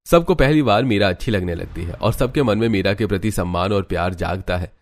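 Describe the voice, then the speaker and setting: A man narrating a cartoon story in an even storytelling manner. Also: fairly low pitch, brisk.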